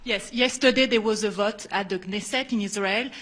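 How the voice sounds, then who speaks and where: A woman reporter with a French accent poses a question. She speaks softly and carefully. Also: medium pitch, moderate pace.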